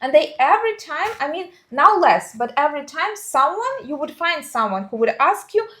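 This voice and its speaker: High-voiced chatty woman, Russian accent. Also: very animated, normal speed, a bit bright. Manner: chatty, hesitant with many fillers, laughs while talking. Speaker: co-host. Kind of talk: casual conversation.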